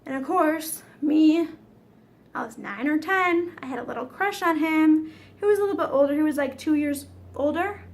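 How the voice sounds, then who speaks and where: A woman's voice: high voice, moderate pace. A woman vlogger telling a personal story to camera in a chatty, dramatic way, swearing freely.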